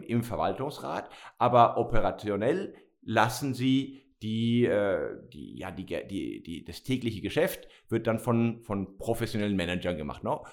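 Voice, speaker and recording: A middle-aged man from Spain, a company CEO, answering interview questions with many fillers and restarts. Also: medium pitch. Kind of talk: interview conversation.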